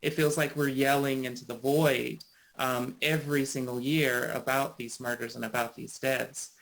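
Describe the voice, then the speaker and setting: A man's voice: mid-range voice, little pitch movement, normal speed, creaky, fairly bright tone, a little hiss or hum, poor audio. A man speaking as a panelist in a discussion, earnest and impassioned, often restarting phrases.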